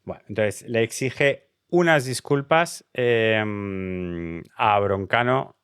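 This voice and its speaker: A man's voice: fairly low pitch, slow, a bit bright, clean tone, no room sound, clean studio sound. A man hosting a news commentary show, talking with hesitant fillers and restarts. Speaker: host.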